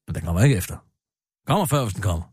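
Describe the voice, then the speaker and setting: A man co-hosting a comedy show, rambling about politics in a mock-pompous, animated way. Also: deep voice, breathy edge, no echo, studio quality. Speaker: satirical co-host.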